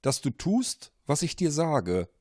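A man's voice: a little high, very animated, slow pace, a little mellow, dry recording, clean studio sound, voice pushed up, full character voice. A man voicing a mysterious male caller who urgently warns of danger, pressing and commanding. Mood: insistent.

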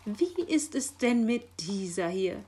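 A woman's voice: medium pitch, slow, breathy edge. A woman voicing a fussy, chattering female magpie postmistress in a children's audio story, eager and easily flustered. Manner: eager, flustered, rising excited lines.

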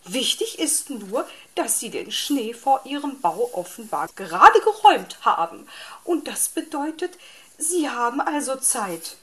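A woman voicing a bossy, chattering female magpie in a storybook reading, pushy and high-voiced. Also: very animated, a little slow, a bit bright.

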